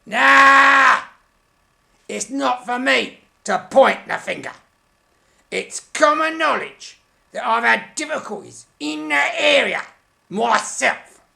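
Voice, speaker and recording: A hammy old-school male puppet thespian, vain and easily offended. The voice is high, sharp and heavily creaky, drawn out slowly with pompous theatrical relish in a comic puppet interview. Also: sing-song, full character voice. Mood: indignant. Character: vain hammy male puppet stage actor, Mr. Punch, touchy. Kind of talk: comic mock interview in character.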